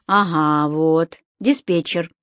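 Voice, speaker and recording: Calm old man, read by a woman. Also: sits low, takes it slowly, no room sound, studio quality, pitched below the performer's own voice. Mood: reassuring. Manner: calm, soothing, a little lecturing. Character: kindly calm old man, gently reassuring.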